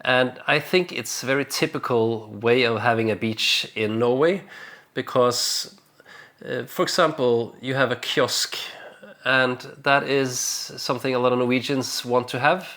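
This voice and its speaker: A young man, from Denmark, talking casually in a relaxed and hesitant way, with frequent fillers and restarts. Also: mid-range voice, a little slow. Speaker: vlogger. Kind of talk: casual conversational vlog chat.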